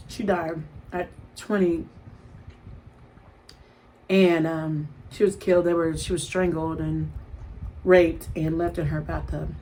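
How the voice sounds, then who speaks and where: A woman's voice: fairly low pitch, a little mellow. A middle-aged woman chatting casually and in a rambling way to the camera as a vlogger, blunt and emphatic, often repeating herself. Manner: blunt, emphatic storytelling with repetition. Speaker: mukbang vlogger. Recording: clearly noisy home recording.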